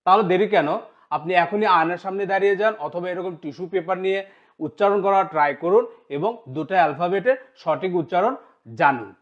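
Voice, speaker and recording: A man teaching English pronunciation in a video lesson, speaking slowly and demonstrating sounds again and again for practice. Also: sits high. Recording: dull lo-fi sound.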